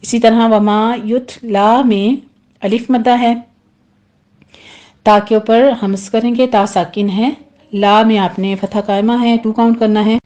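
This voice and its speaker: Mellow-voiced woman teaching recitation rules. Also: a little high, fairly even intonation, muffled recording. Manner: patient, step-by-step instruction; models words, then corrects pronunciation. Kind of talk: tajweed lesson.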